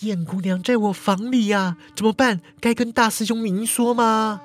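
A man's voice: steady tone, moderate pace, natural voice. Man doing a bubbly flustered young swordswoman. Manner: bubbly, whiny, high-pitched.

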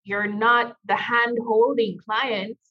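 Speaking slowly in a level tone, a woman with a voice on the high side chats casually as a podcast guest. She is a Jamaican business coach whose uptown Jamaican accent leans American Southern, and she laughs readily and repeats phrases to stress them. The sound is dull and lo-fi.

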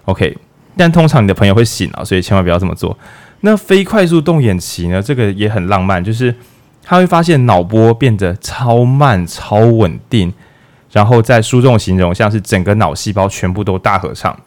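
Male podcast host, slightly low voice, playful and chatty explainer. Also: lively intonation, a little fast, a little mellow. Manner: playful, with jokes and acted-out asides. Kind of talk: casual explanatory podcast talk.

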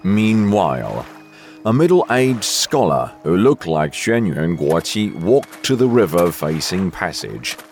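A male narrator tells a story in a deep, slow voice with lively intonation, reading expressively over a soft music bed.

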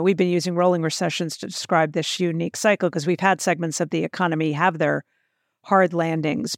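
A woman hosting an interview, asking questions in a measured, formal way. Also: fairly low pitch, no room sound, clean studio sound. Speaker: host.

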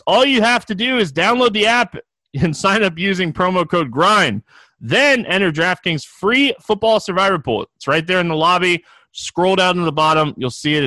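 A man who hosts a podcast, reading an energetic promotional ad in a punchy, upbeat prize-announcer manner. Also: high voice, no room sound, poor audio.

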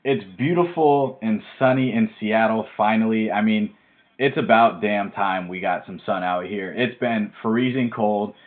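A man hosting a casual podcast, chatty and excitable, getting fired up as he talks. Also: lowish voice, a little slow. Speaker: podcast host. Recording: tinny phone-like audio.

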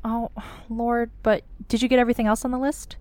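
A man voicing a caring, practical young pregnant wife who talks in a quick, homely way. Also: very high voice, flat delivery, no room sound, pitched above the performer's own voice.

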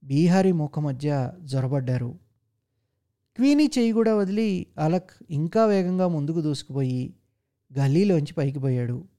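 A man reading a story aloud as narrator, in a measured, steady way. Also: on the high side.

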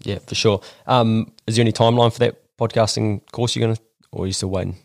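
A man's voice: lowish voice, fairly even intonation, fast, creaky, dry recording, studio quality. A man with a broad Kiwi accent hosting a podcast interview in casual, laid-back slang. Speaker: podcast host.

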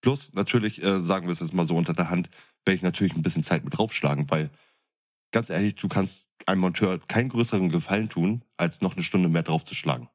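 Talking fast in a low voice, an experienced window fitter co-hosting a podcast makes his case bluntly and coarsely. The chat is casual, colloquial and emphatic, an opinionated argument.

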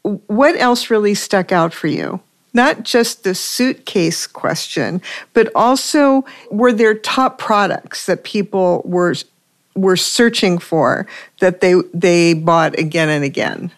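A woman's voice: fairly low pitch, slow. A woman hosting an interview, asking curious, friendly questions and laughing easily. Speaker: radio host.

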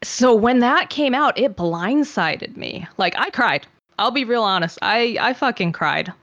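A woman's voice: fairly high pitch, lively intonation, measured pace, a bit bright, no room sound. Candid woman, dull dry sound. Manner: candid, frequent fillers, voices her past self in quotes. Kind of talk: candid conversation.

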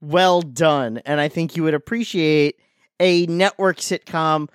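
A man's voice: fairly high pitch, measured pace, smooth, dry recording, studio quality. A man co-hosting a podcast in casual chat, talking in a chatty, hesitant way with many restarts. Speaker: podcast co-host.

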